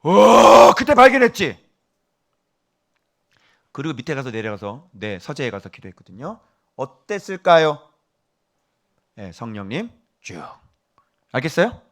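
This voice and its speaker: A middle-aged male pastor delivering a sermon, scolding and quizzing his listeners, jumping from loud emphasis down to hushed whispers. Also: mid-range voice, big pitch swings, moderate pace, pauses often. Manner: scolding, asks the congregation questions.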